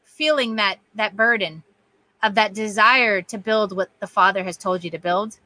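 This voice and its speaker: A woman telling a spiritual story in casual chat, animated and quoting voices as she goes. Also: mid-range voice, normal speed, no room sound. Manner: animated, quotes voices, laughs easily. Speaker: guest sharing testimony.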